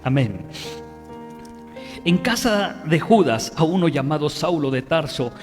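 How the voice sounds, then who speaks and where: A man with a Mexican Spanish accent preaching a sermon as pastor, leading the congregation in call-and-response and building to loud exhortation. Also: a little high, animated, unhurried, big-room sound, faint music behind. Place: church sanctuary.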